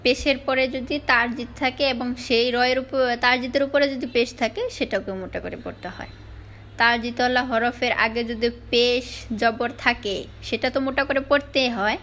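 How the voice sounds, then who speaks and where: A woman teaching Arabic letter pronunciation, explaining the rules step by step and slowly repeating each sound to demonstrate. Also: a little high, fairly even intonation, a bit bright. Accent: Bangladeshi Bengali.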